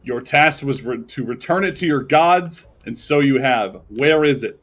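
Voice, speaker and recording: A man's voice: animated, unhurried, a bit bright. A man voicing a haughty, commanding male god of death in a tabletop game. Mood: stern. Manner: haughty, commanding, booming when angered.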